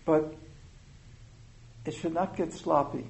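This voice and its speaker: A man giving an informal meditation talk, speaking slowly and thoughtfully with many pauses and fillers. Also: on the high side, fairly even intonation, gravelly, a little mellow, poor audio. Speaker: meditation teacher.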